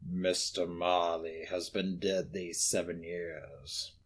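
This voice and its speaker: A man's voice: little pitch movement, takes it slowly, slight background noise. A man doing a growling, whispering old miser. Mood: curt, grumbling. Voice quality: low, growling, half-whispered. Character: miserly bitter old male moneylender.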